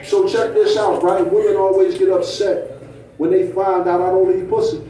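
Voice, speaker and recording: A man's voice: high voice, level tone, normal speed, mellow. A male stand-up comedian telling a profane story to a club crowd, tagging his lines with "right?". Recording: echoey room, mic from a distance.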